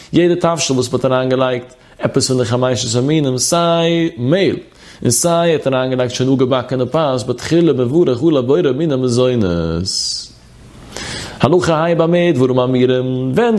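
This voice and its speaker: This religious teacher leads a chanted text study lesson, reading phrases in a sing-song chant and then explaining them. He speaks in a slightly high, somewhat mellow voice.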